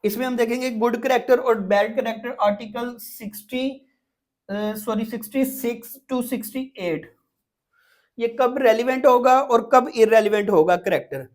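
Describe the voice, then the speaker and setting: Speaking at a moderate pace, this exam prep teacher has a Pakistani accent and a high-leaning, darkish voice. Her informal lecture moves step by step, often repeating itself and pausing to check on listeners.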